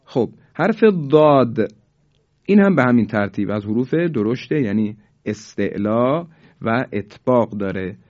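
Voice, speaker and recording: A male teacher giving a recitation lesson, explaining quickly and then reciting each example slowly and drawn out. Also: mid-range voice, expressive, darkish tone. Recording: dull lo-fi recording.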